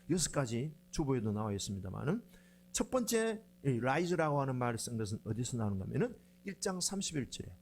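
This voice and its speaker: A middle-aged man preaching a sermon as pastor, telling stories and acting out quoted lines. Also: on the high side. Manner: animated storytelling, acts out quoted lines with dialect.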